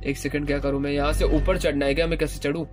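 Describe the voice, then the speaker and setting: A young man giving casual, excitable commentary while playing a horror game, swearing playfully and yelping high when scared. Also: fast talker. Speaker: gaming YouTuber. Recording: game music loud behind voice. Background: horror game music.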